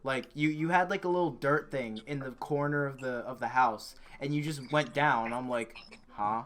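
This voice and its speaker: A man's voice: mid-range voice, normal speed, a bit bright. A young man hosting a casual group post-show chat, laughing often and restarting his sentences as he reads questions. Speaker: host and editor.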